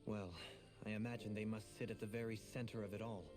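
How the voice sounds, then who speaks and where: In anime video game voice acting, a male actor with a lowish, natural voice plays an eloquent nobleman, a composed and scholarly young man pondering a mystery. He speaks formally and a little fast, with little pitch movement and a grave, thoughtful mood, over prominent music.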